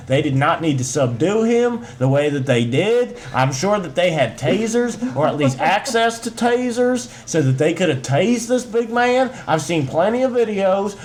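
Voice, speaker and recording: A man with a high, light voice hams up a thick Southern twang as he rants in an easygoing podcast chat. He is emphatic and folksy, leans on slang and stutters through restarts as he builds a point. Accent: put-on Southern US twang. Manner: ranting, emphatic, repeats words, folksy slang. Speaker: podcast co-host. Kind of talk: casual opinionated chat.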